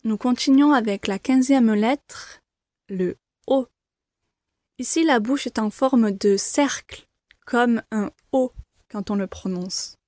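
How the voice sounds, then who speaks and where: A woman teaching the alphabet to beginners, saying each letter slowly and clearly, repeating it and reassuring learners. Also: a little high, a little mellow, no room sound, clean studio sound. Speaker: French teacher. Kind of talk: slow, careful pronunciation lesson.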